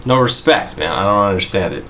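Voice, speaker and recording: A man co-hosting a casual podcast chat, relaxed and quick to laugh, with a lot of "like" and "you know.". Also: lowish voice, slight background noise. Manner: laid-back, laughs often, says "like" and "you know". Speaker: podcast co-host.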